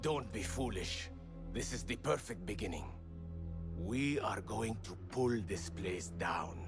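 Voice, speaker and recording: A man playing a fiery, defiant rebel fighter in a video game, forceful and scornful. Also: lowish voice, expressive, measured pace, music in the background. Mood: fiery defiance.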